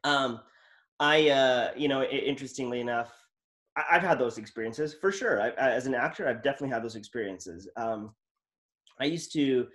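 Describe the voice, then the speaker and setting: A man's voice: mid-range voice, normal speed, fairly bright tone. Casting: male host, eager chatty storyteller, mid-range voice. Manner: enthusiastic, rambling storyteller. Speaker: podcast host. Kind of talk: casual interview chat.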